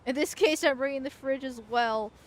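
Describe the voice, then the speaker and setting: A woman's voice: sits high, normal speed. A woman streaming a game with casual commentary, blunt, crude and irreverent.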